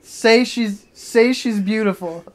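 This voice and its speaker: A woman's voice: on the high side, slow pace, pitched above the performer's own voice. A woman quoting an odd, intense young man inside her story, blunt and insistent in her own voice with only a slight lift.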